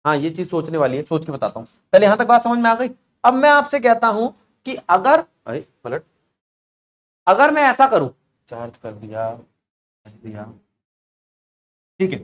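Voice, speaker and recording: A man's voice: high voice, sing-song, moderate pace, long pauses. A young man teaching physics in a classroom, chatty and joking, telling stories and quizzing students by name. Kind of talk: classroom lecture.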